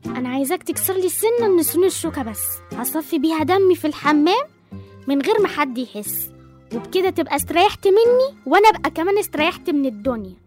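An actress voicing a gloomy, stubborn young woman with an Egyptian accent, sulky and deadpan. Her voice is very high and quick, with faint music in the background.

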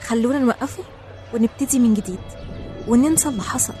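A woman playing a gentle, forgiving Egyptian woman in a TV drama, speaking softly and reassuringly. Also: a little high, fast talker, soft background music, natural voice. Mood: resolute. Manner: soft, reassuring. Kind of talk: TV drama acting.

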